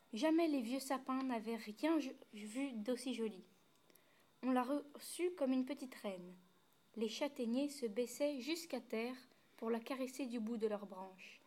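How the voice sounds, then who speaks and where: A woman reading a storybook aloud with care. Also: a little high.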